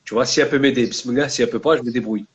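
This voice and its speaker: A young man from France with Maghrebi roots, a book author appearing as a guest, races through his words in a mid-range voice over dull audio. He talks casually with an urban accent, peppering street slang with Arabic religious expressions.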